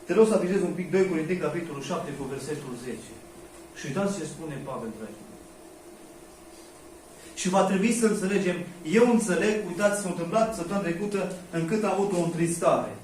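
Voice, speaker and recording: A man's voice: high voice, animated, a little mellow. A man preaching a sermon, reading scripture aloud and asking the congregation questions. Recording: echoey hall, voice from far off, faint noise.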